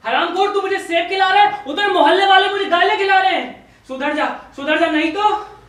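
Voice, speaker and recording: A performer voicing a hot-tempered, forgetful middle-aged father in a comedy sketch, who scolds and shouts in a very high, squeaky voice. The voice sounds distant and booms around an echoey room. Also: brisk. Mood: angry.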